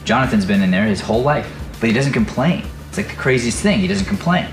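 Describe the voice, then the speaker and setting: Speaking fast in a sing-song, medium-pitched voice, a man hosts a podcast and shares motivational stories earnestly and emphatically. He's a podcast host and acting teacher, chatting casually over soft background music.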